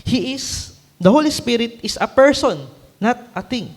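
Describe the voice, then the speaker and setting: Guy from the philippines preaching, fairly high voice, chatty, keeps asking "right?", long hall reverb. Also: expressive, unhurried. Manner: conversational, frequent tag questions and light laughs. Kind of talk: conversational sermon teaching.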